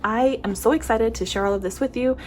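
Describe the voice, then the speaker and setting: A young woman who vlogs about planners talks casually to the camera in a soft, slightly high voice at a fairly quick pace. She sounds a little emotional, often trailing off and restarting, with slight background noise present.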